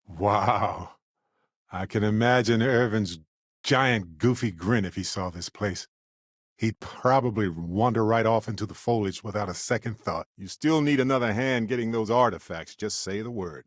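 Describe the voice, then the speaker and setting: A male actor with a lowish voice plays a wry, affectionate, talkative space explorer companion in a video game, sounding earnest and delivering lines in a playful, expressive, conversational way. The studio-quality recording has no echo.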